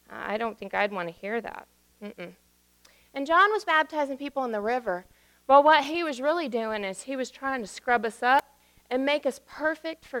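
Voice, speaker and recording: Slow, gentle woman giving a children's sermon. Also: fairly high pitch. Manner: gentle, playful, talks down to kids' level.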